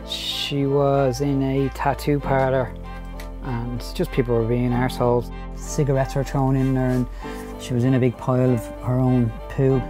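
A man casually giving an enthusiastic, chatty tour of his animal collection, laughing often. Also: medium pitch.

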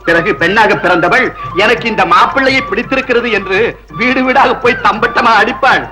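Glad dad, formal old movie lines, kinda high voice, music running under it. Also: male voice, a little fast. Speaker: father in a film. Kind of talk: dated Tamil film dialogue. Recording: music playing under the dialogue.

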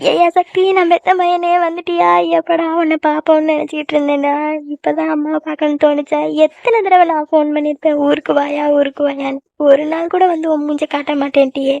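A woman's voice: high voice, steady tone, rapid-fire, darkish tone, dry recording, highs cut off, close to an everyday voice. A woman voicing an emotional middle-aged village mother in a cartoon, scolding her daughter and doting on her son. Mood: tearful. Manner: scolding, then tearful and doting. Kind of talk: cartoon voice acting.

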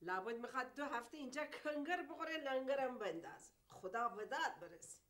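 A grumbling gossipy housekeeper. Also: female voice, high-pitched, lively intonation, fairly bright tone. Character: chatty grumbling female housekeeper. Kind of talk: TV drama acting.

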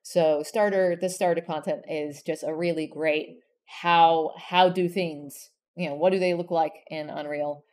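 This is a woman teaching software at her computer, her voice sitting a little low. She explains as she clicks, casual and conversational, with plenty of fillers and quick self-corrections. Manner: chatty, relaxed, many ums and self-corrections. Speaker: software tutorial presenter. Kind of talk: casual screen-share tutorial.

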